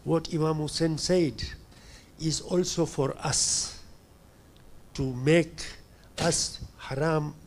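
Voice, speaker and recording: An older man from Tanzania, an audience member asking a question, speaking hesitantly and often pausing to search for words. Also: fairly high pitch, steady tone. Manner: hesitant, fills pauses with "you know".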